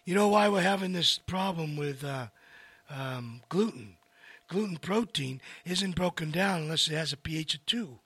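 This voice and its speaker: A man hosting a casual health talk, rambling and speaking straight to his viewers with lively asides. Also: on the high side, normal speed, slightly rough, no echo. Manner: rambling, addresses folks directly, animated asides. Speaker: host.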